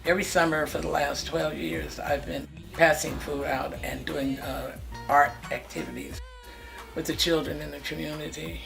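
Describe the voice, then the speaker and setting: Her voice sits low and creaky, steady in tone and normal in speed, as this sixty-something Californian woman looks back on family life. Answering as an interviewee, she runs through dates and names one by one while music plays behind her.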